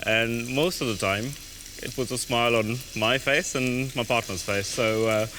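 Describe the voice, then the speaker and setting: A man's voice: medium pitch, fairly even intonation, moderate pace. A man from London, a cooking contest contestant, talking cheerfully in a studio kitchen. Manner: cheerful, laughs often. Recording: sizzling kitchen noise behind.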